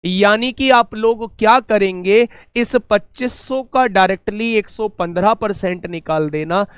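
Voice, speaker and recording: A man's voice: sits high, a little slow, fairly bright tone, smooth, dry recording. A man teaching an online exam-prep maths lesson, explaining step by step and asking his students rhetorical questions.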